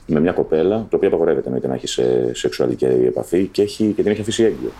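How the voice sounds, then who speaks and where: A man candidly recounting his own life story in a loose, conversational way, often pausing with fillers. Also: rumbling low, expressive, warm tone, slight background noise.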